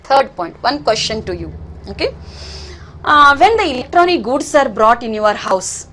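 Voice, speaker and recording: A woman's voice: a little high, a bit bright. A middle-aged woman with a Kannada-accented Indian English, teaching an online lesson in an emphatic way, repeating her points and checking in with short questions. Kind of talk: online lesson explanation, advising students.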